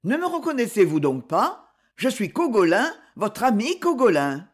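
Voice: mid-range voice, sing-song, moderate pace. A reader voicing a hapless, indignant male squire in an audiobook, protesting and wailing. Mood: pleading. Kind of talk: audiobook character voice.

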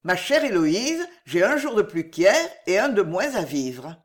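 Brief: woman reading a dry, teasing military man, lively in pitch, storybook style. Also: unhurried. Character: wry male officer, teasing and prosaic. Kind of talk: audiobook reading.

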